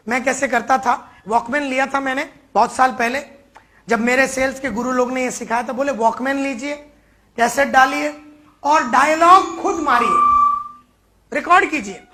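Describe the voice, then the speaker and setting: Guy coaching salespeople, high bright voice, slow and emphatic. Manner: emphatic, mixes Hindi and English, coaching. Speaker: sales trainer. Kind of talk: motivational training talk.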